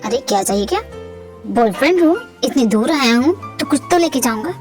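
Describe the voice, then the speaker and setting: A woman doing a possessive rich young man in an amateur fan dub, bossy and threatening. She pushes her voice down well below her own high natural register to play him. The lines come out commanding and low for her. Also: lively intonation, fairly quick, faint music behind.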